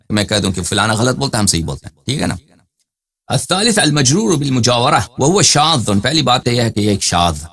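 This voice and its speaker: A man's voice: medium pitch, fairly bright tone, slightly rough. A man giving a scholarly lecture as a religious scholar, firing rhetorical questions and then answering them himself, and reading out citations and page numbers. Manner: cites texts and reads out page numbers.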